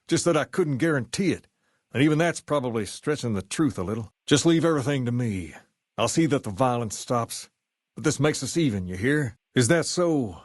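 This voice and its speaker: A male actor voices a charismatic gang boss styled on a rock-and-roll idol. He has a Southern US drawl at a middling pitch and talks in a folksy, measured, self-assured way. It is game dialogue with a dry, close sound. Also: dry recording, close to an everyday voice. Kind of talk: video game character dialogue.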